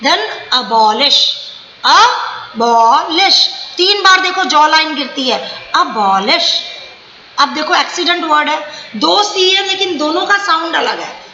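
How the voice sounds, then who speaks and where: An Indian woman teaching an English lesson to young children, slowly drawing out each word and mixing Hindi with English. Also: high voice, animated, sharp tone, reverberant, lo-fi sound, a little hiss or hum.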